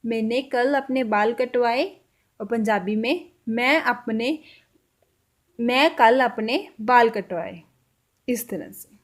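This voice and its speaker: High-voiced woman teaching phrases slowly. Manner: slow, carefully repeated example sentences. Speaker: language teacher. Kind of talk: spoken language lesson.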